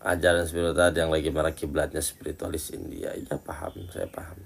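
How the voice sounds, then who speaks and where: Deep gravelly-voiced man giving a religious talk. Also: flat delivery, a little fast. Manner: swings between loud emphatic lines and quiet muttered asides; chatty and teasing, addresses listeners as friends. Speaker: Islamic religious teacher. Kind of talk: casual Islamic study talk.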